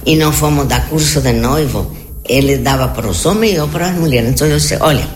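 An elderly Argentine woman, a native Spanish speaker with an Argentine accent, talks fast in an extremely low voice. As an interview guest she reminisces conversationally, repeating words and checking that the listener agrees.

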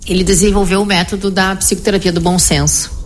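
In an animated, conversational interview, a middle-aged woman psychologist explains her method, often tagging her sentences with "né?". Her pitch is medium and she talks fast, with a little hiss or hum in the audio.

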